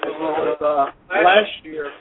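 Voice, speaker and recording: A man, a basketball coach, giving casual, measured, explanatory answers in an interview. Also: on the high side. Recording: phone-like radio sound, crowd noise.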